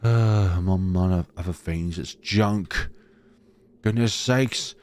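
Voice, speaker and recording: Low-pitched, slow, theatrical male game streamer. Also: darkish tone. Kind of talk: game commentary and dramatic read-aloud.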